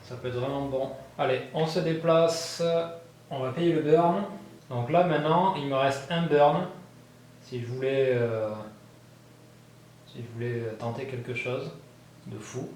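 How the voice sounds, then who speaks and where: A man's voice: medium pitch, a little slow, long pauses. Man thinking aloud over a board game. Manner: thinks aloud with many fillers, bursts of excitement at dice rolls. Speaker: board game player narrating a solo playthrough. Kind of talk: casual thinking-aloud gameplay commentary. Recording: very echoey room with faint background noise.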